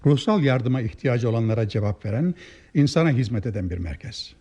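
An actor playing a courteous male clinic doctor in old radio theatre style, formal, measured and reassuring. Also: mid-range voice, expressive, warm tone, breathy edge.

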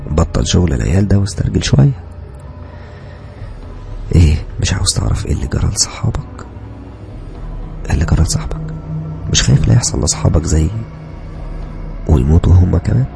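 Stern taunting inner voice in an Egyptian horror tale, as the man voicing it puts it on, hushed and gravelly, low register. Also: expressive, fast, long pauses, over music, full character voice. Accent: Egyptian Arabic. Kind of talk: horror story narration.

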